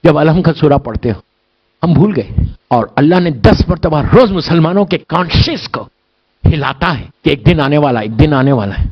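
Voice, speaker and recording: Impassioned preacher, high voice. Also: male voice, expressive, highs cut off. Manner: swings between hushed storytelling and loud impassioned preaching. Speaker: Shia preacher giving a majlis. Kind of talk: emotional Urdu sermon with English words. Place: imambargah hall with a gathered crowd.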